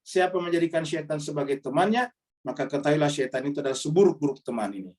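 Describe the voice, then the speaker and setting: A man's voice: fast talker, recorded from a distance. A man preaching to a congregation, reciting Arabic verses and explaining them, his voice jumping up on rhetorical questions. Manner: lively, rises in pitch on questions. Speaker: Islamic preacher. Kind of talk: Quran study sermon.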